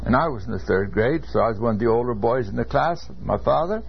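A man's voice: medium pitch, expressive, gravelly, a little hiss or hum. Older man lecturing, dull lo-fi sound. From California. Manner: measured, earnest, anecdotal. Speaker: seminary professor. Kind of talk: classroom lecture with personal storytelling.

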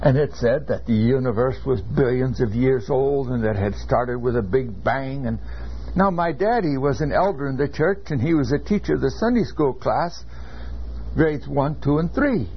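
An older professor from California gives a classroom lecture in a measured, earnest way, slipping into personal stories. His voice sits at an ordinary middle pitch. The recording is dull and lo-fi, with a faint hiss underneath. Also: expressive. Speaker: seminary professor.

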